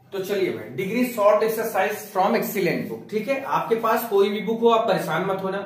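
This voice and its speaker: A man with a Hindi accent teaching an English grammar lesson, explaining step by step and asking rhetorical questions as he goes. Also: very high-pitched. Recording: echoey room, voice from a distance.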